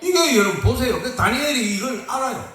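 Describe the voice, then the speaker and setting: Man preaching a sermon, animated and joking, high voice, roomy echo. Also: a little fast. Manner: lively, joking, laughs often. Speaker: pastor. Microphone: phone far off in the room. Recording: echoey room from far off on a phone.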